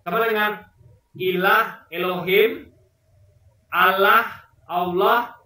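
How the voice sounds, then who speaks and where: A man with a high, sharp, steady voice speaks slowly as a video commentator casually discussing a debate clip, rambling and repeating words while hunting for examples. The audio is very echoey, with the mic placed far away.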